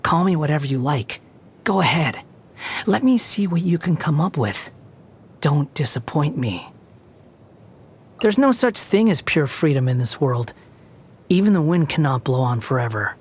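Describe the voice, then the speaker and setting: A young man voicing an aloof, sardonic puppet wanderer in a video game, with a condescending, sharp-tongued, theatrical delivery. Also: fairly high pitch, animated, measured pace, pauses often, slightly rough. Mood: aloof, haughty. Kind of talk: video game character voice lines.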